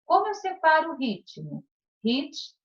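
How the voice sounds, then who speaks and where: Lively Brazilian teacher with a lo-fi sound. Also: female voice, on the high side, a little slow. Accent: Brazilian Portuguese. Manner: patient, questioning, checks in with "tá?" and "combinado?". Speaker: primary school teacher. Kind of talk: recorded remote class lesson.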